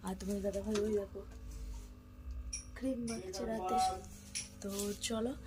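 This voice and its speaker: A woman speaking quietly in her bedroom at night during a family vlog, keeping her voice down next to a sleeping child. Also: mid-range voice, fairly even intonation, normal speed, loud music behind the voice. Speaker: vlogger. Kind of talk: hushed bedtime vlog chat.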